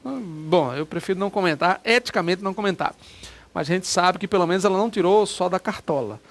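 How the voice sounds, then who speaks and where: A man's voice: sits high, a little fast. A middle-aged man with a Brazilian Portuguese accent teaching an exam prep grammar lesson, chatty and always checking in with his listeners.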